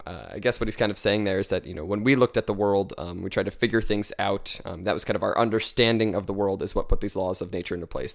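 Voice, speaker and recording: A man's voice: fairly low pitch, gravelly. A man co-hosting a podcast, a student, explaining philosophy at length in casual chat and hedging as he goes.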